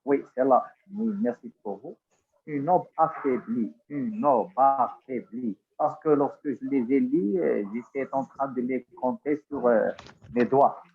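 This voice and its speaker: A male student asking a hesitant question in an online class, pausing often with "euh". He is heard through Bluetooth audio. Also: medium pitch, creaky. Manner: hesitant, many pauses with "euh". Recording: tinny phone-like Bluetooth audio.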